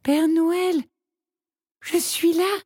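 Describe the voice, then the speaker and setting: A woman's voice: extremely high pitch, steady tone, extremely slow, darkish tone, pitched above the performer's own voice, full character voice. A woman voicing a little girl who is small, hopeful and brave, speaking in a small, eager voice in a read-aloud storybook.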